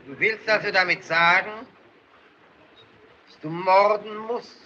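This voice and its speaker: A cold underworld accuser, high-set, sharp and forceful, rising to shouts. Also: male voice, slow pace, dull audio, a little hiss or hum, exaggerated voice. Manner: cold, condemning, building to shouts. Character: ruthless male underworld boss acting as accuser. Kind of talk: 1930s film acting.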